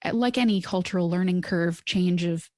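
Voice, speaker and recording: A woman's voice: on the low side, normal speed, no echo, studio quality. A middle-aged woman, a counsellor and adoptive mother, telling her story candidly on a podcast, acting out what people said. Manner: earnest, animated storytelling with quoted dialogue.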